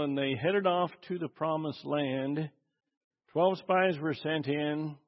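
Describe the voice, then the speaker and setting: A man preaches a sermon in a chatty, conversational way, throwing questions out to the congregation and pausing often with fillers. His voice sits fairly high for a man. Long reverb fills a large church hall, and the audio is muffled and dull. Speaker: pastor.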